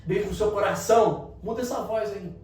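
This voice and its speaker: High-voiced man coaching emphatically. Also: brisk, a little mellow. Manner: emphatic, coaching the listener directly. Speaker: motivational speaker. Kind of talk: motivational talk. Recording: very echoey room, distant mic, faint ambience.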